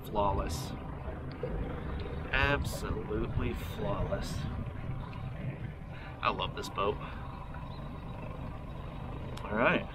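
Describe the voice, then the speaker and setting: A man's voice: on the low side, extremely slow, long pauses. A man in his thirties talking casually to himself while he boats and fishes, his voice caught by a camera mounted on a small boat on a lake. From Michigan, US. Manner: relaxed, talks to himself while boating and fishing. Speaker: fishing vlogger. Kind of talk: casual running commentary. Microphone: action camera on the boat. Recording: outdoor camera audio with boat and water noise.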